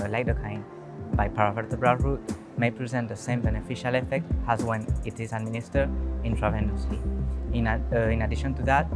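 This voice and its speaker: A man, an anesthesiology resident, explaining his study in measured, hesitant interview answers. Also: mid-range voice. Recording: music bed underneath.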